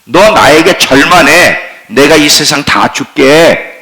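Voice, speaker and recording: Sly tempting Satan as a man puts him on, coaxing, gravelly bright voice, sermon role-play. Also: on the high side, animated, slow, full character voice. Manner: coaxing, talking down to the listener.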